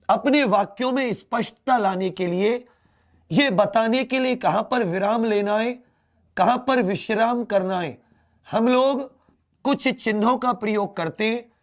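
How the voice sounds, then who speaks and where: A man with a high voice teaches a grammar class at an unhurried, drawn-out pace. He repeats each key term and turns it into a question for his students. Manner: slow, drawn-out delivery. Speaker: Hindi teacher.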